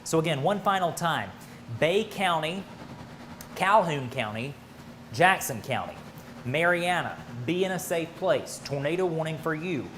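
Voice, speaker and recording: A man's voice: a little high, lively intonation, unhurried, a bit bright, a little hiss or hum. An American man giving live, ad-libbed severe weather coverage, speaking urgently and emphatically with direct appeals to listeners. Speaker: weather broadcaster.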